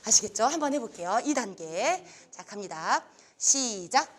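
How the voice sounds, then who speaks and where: A woman's voice: a little high, very animated, moderate pace. A woman instructor leading a training class, upbeat and encouraging as she guides the group step by step through a game. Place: lecture room with adjustable lights.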